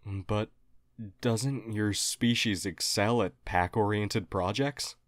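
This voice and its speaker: Taking his time, a man with a fairly low voice performs a roleplay as a kindly alien historian talking to the listener. The character is earnest and polite, formal in manner and tentatively apologetic. It is a dry, studio-quality recording.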